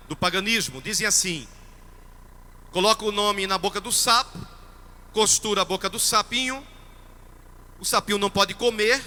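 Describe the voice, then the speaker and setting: A man's voice: sits high, bright, forceful tone. A man with a Brazilian Portuguese accent, a priest preaching a sermon and emphatically questioning his congregation. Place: church. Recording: reverberant church hall.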